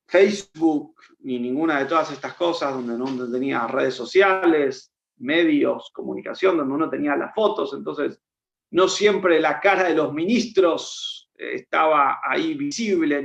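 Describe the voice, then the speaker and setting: A rabbi with an Argentine accent telling a story in a sermon, acting out the dialogue of its characters. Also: male voice, a little high, gravelly, a bit bright. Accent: Argentine Spanish. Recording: echoey, dull lo-fi sound.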